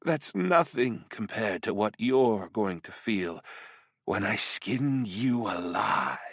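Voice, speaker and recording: A flirtatious, bloodthirsty succubus from a dark fantasy audiobook, performed by a male narrator. She draws each line out in a slow, soft purr, savoring her threats. The voice sits close and dry with no room around it. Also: lowish voice, expressive, husky, dry recording, exaggerated voice. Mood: threatening. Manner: slow, drawn-out purring delivery. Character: sadistic seductive female succubus demon. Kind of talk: audiobook character voice.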